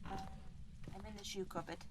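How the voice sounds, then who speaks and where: A woman's voice: medium pitch, fairly even intonation, a little fast, background noise. A woman chatting casually while playing a game, hesitating often with fillers and restarts. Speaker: co-player. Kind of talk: casual gameplay chat.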